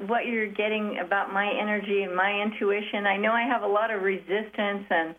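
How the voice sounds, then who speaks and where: A woman caller comes through on a radio show over a narrow, tinny phone line. Her voice sits at an ordinary middle pitch. She talks in a soft, thoughtful way with a touch of wryness. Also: fairly even intonation, brisk. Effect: caller heard over a phone line.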